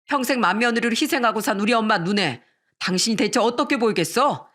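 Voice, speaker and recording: A woman's voice: fairly high pitch, lively intonation, fairly bright tone. A woman voicing a defensive young husband who talks down to his wife, in a radio story reading. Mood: dismissive. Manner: dismissive, slow.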